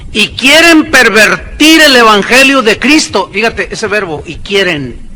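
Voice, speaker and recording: Pastor guy preaching, high bright voice, bit sarcastic, faint noise behind. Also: poor audio. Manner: preaching with sarcastic asides and quick mimicking voices. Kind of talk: sermon.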